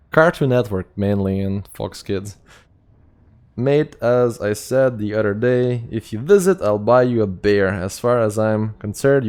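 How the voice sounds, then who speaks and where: A young Lithuanian man with a Lithuanian accent speaks in a fairly low, darkish voice. He chats casually while streaming a game, rambling with lots of fillers.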